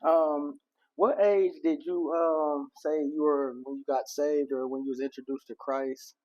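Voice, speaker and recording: Male host, mellow warm tone, lo-fi dull sound, easygoing interviewer. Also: on the high side, a little slow. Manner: relaxed, affirming with short "okay" and "yeah" replies. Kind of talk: casual interview conversation. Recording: dull lo-fi recording.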